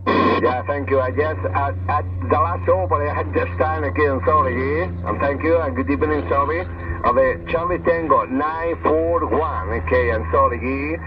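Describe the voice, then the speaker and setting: A Spanish-accented amateur radio operator comes through a fading shortwave link, distant and muffled under a faint hiss. He keeps apologizing and checks "okay?" after nearly every phrase, working through his call signs in halting English. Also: a little high. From Spain. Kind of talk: ham radio contact.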